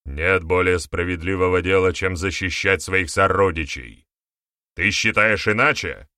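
A man brings to life a commanding warrior-chief in an audiobook, his voice raised and hammering each phrase. He talks slowly and heavily, with a dry close sound. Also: low voice, dry recording. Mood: insistent. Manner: forceful, emphatic, barking orders. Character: stern young male warrior-chief, commanding. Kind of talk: audiobook character voice.

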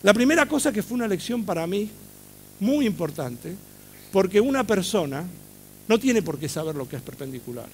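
High-voiced Argentine man giving a talk. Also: normal speed, a little hiss or hum. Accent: Argentine Spanish. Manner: animated storytelling, asks the audience questions. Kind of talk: public talk to a live audience.

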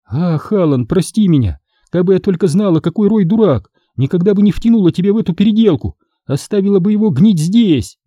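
A woman's voice: lowish voice, lively intonation, a little fast, few pauses, dry recording, dull audio, voice pushed up. A man voicing a fierce, loyal young woman in an audiobook, pleading and scornful by turns. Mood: heated. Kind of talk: audiobook character voice.

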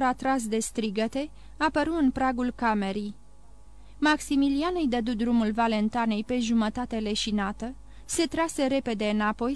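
Brief: female audiobook narrator, measured expressive reading, higher voice, dry close mic. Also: no echo. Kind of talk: scripted narration of a classic novel.

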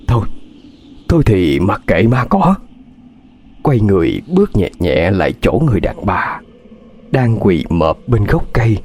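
A man's voice: lowish voice, darkish tone, slight background noise. A man narrating a ghost story in a tense, dramatic way, with hesitations.

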